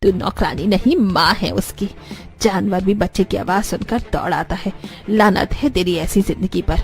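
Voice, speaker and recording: A woman's voice: mid-range voice, normal speed, natural voice. A woman voicing an older grandmother who scolds her daughter-in-law in a cartoon story. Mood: indignant. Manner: scolding, indignant. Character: stern older village grandmother, scolding, devout.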